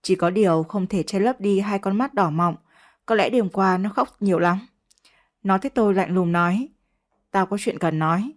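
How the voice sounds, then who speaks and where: A woman narrating a first-person story with steady, measured reading. Her voice sits in the middle of the female range. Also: medium pitch. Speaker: audiobook narrator.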